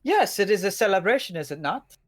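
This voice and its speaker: A man with a Dutch accent voicing a smug male cult leader who taunts calmly and politely. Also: high voice, a little fast, faint music behind, pitched above the performer's own voice.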